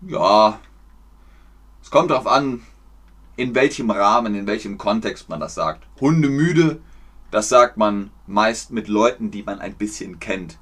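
A man from Germany teaching German on a livestream, explaining slowly, clearly and patiently. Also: fairly low pitch, expressive, fairly bright tone. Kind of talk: livestream language lesson.

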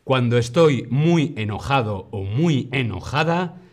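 Slow, deliberate teacher, man. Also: mid-range voice. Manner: slow, drawn-out model phrases, lively exclamations. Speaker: Spanish teacher. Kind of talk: live online Spanish lesson.

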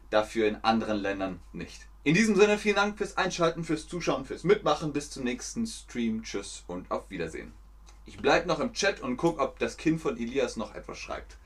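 A man's voice: medium pitch, sing-song, normal speed. A man teaching German in a livestream lesson, speaking in simple, repetitive sentences for learners.

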